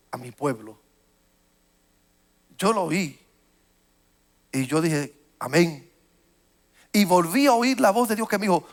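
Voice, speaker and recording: A man preaching from the pulpit, his voice high and gravelly as he tells a long personal story. He stumbles over repeated words and restarts, and he grows more animated as the story builds. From United States. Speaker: pastor. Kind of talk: sermon.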